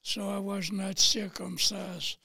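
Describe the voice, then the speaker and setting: Telling his story in an interview, this veteran from Paris, now in his late nineties, speaks halting, plain English with a French accent, taking his time between phrases. His high voice is raspy, thin, breathy, and very husky, breaking into heavy fry, and it's bright and forceful with little pitch movement. The studio sound is clean, with no room sound.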